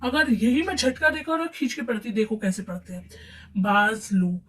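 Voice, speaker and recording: A woman teaching a beginners' reading lesson, spelling out syllables slowly and patiently, asking questions and answering them herself. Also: a little high, fairly even intonation, fairly bright tone, distant mic, low-quality recording. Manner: patient and slow, drawing out each syllable, asks and answers her own questions.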